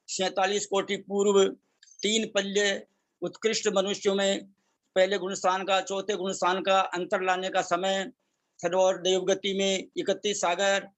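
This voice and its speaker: A man leads a religious recitation class in a high-pitched voice. He chants verses slowly and deliberately, stressing each vowel length, then explains pronunciation, slipping in English phrases. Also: a bit bright. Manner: mixes English phrases into Hindi. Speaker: scripture recitation teacher.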